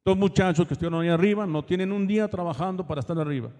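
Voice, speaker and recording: Preacher in a reverberant hall. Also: male voice, high-pitched, rapid-fire, dark tone. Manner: colloquial, asks the congregation "¿verdad?" often. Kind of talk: sermon. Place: church hall.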